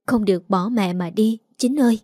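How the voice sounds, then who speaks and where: A woman's voice: mid-range voice, normal speed, warm tone, no room sound, clean studio sound, lightly acted. A woman playing a grieving old grandmother, pleading. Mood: pleading grief. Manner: wailing, pleading. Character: grieving old village grandmother, poor-sighted.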